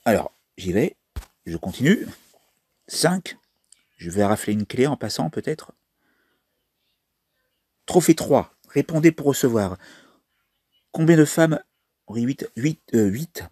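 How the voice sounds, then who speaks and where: A man's voice: mid-range voice, sing-song, slow, long pauses, mellow, slightly rough, no echo. A man giving casual commentary on a mobile trivia game, thinking aloud as he plays. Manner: chatty, thinks aloud while playing. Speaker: mobile game video maker.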